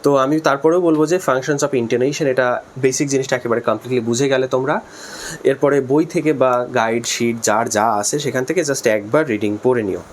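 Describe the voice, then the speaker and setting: A man with a Bangladeshi accent who teaches a linguistics lesson, explaining slowly, repeating key terms, spelling words aloud and mixing in English terms. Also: medium pitch, a little hiss or hum. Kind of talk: spoken lesson.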